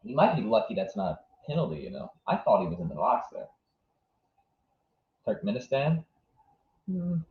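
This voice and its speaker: His fairly low voice swings widely in pitch at an ordinary speed, broken up by long pauses. He's a young livestream host from southwest Virginia, chatting casually, thinking aloud and fielding chat while a match plays out. Sound is dull with noticeable room echo.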